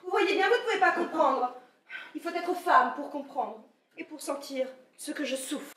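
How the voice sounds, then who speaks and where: An actress playing a weary, melancholy young beloved who gives curt, languid replies. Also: female voice, high voice, lively intonation, normal speed, fairly bright tone. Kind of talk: stage comedy acting. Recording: echoey room from far off.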